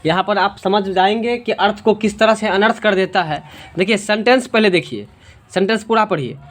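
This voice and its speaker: A woman teacher giving a grammar lesson to a class, patiently asking questions and slowing down for examples. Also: medium pitch. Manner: patient, asks students questions and slows down for examples.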